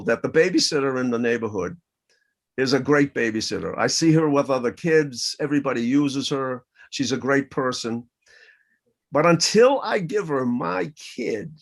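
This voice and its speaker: A man speaking as a guest over a video call, telling stories in an earnest, animated way. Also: medium pitch, poor audio. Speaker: interview guest. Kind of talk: casual interview.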